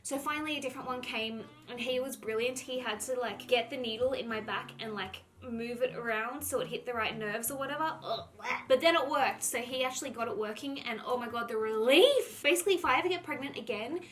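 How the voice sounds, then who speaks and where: A woman's voice: a little high, brisk. Chatty young woman, filler-heavy. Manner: chatty, animated, says "like" a lot. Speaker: vlogger. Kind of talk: casual storytelling to camera.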